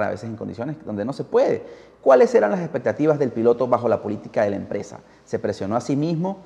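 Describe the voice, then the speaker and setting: A Peruvian podcast host narrates from a script in a storytelling style, his medium-pitched voice warm and creaky. The recording sounds muffled and is drenched in heavy, hall-like reverb.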